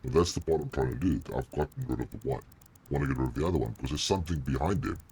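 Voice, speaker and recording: Demonic voice changer: very low, gravelly and layered, jumpy and foul-mouthed during gameplay. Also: male voice, fast, a little mellow, exaggerated voice. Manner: jumpy, swearing, talking back to chat. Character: a demon speaking through the streamer. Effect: deep, gravelly demonic voice changer. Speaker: streamer playing a horror game. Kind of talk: live gameplay commentary.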